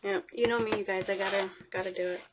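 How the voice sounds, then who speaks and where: A woman's voice: mid-range voice, fairly even intonation, quick pace, background noise. A woman hosting a casual giveaway announcement, chatting informally and speaking straight to her viewers. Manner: chatty, informal, addressing viewers directly as "you guys". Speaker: host of an art channel giveaway. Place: indoors at a craft table, overhead camera.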